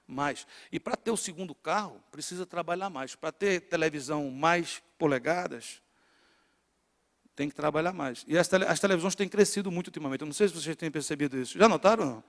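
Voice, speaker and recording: A middle-aged man from northeastern Brazil with a Northeastern Brazilian accent, preaching to a congregation with rhetorical questions and swings between loud and hushed. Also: fairly high pitch. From Natal, northeastern Brazil. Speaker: pastor. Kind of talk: sermon to a congregation. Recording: long hall reverb in a church.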